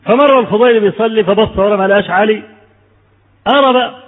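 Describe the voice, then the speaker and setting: This high-voiced man preaches fast in an Egyptian Arabic accent, weaving stories into a conversational sermon and throwing rhetorical questions at the audience. The recording has a big-room sound but comes across narrow and tinny.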